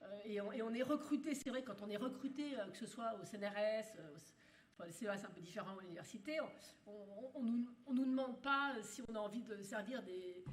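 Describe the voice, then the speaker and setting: A woman giving a university lecture. She talks in halting bursts with many restarts and puts rhetorical questions to her audience. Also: mid-range voice. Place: lecture hall. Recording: roomy hall sound.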